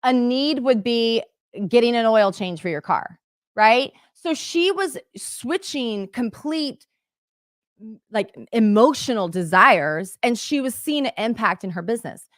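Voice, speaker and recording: A woman coaching an online workshop in an energetic, conversational way, often saying "like" and "right?". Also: a little high, measured pace, dry recording, clean studio sound. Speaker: business coach. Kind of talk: motivational workshop talk.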